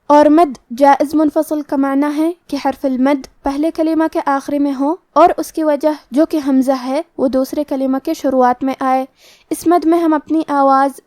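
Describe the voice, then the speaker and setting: Woman, Pakistani Urdu accent, high voice, dry close sound, methodical recitation lesson. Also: darkish tone, dry recording. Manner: methodical, explains each letter rule step by step. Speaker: Quran recitation teacher. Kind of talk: tajweed lesson with slow recitation.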